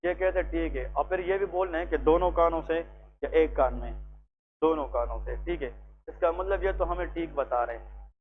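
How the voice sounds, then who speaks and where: A man's voice: fairly high pitch, moderate pace. Pakistani man teaching clinical exam steps. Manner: explains step by step, mixing English terms, checks with rhetorical questions. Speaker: medical lecturer. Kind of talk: clinical skills lesson. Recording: tinny lo-fi with faint hum.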